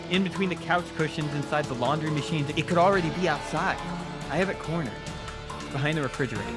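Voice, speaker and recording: Over background music, a man with a mid-range voice performs a dramatic, scripted first-person narration of a horror story, pausing deliberately.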